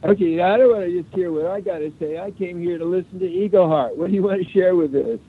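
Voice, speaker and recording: A man co-hosting a radio show by phone, sounding distant and muffled as if down a well, speaking in a wry, halting way. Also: sits high, breathy edge. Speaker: co-host. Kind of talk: casual radio chat. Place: back room, away from the studio.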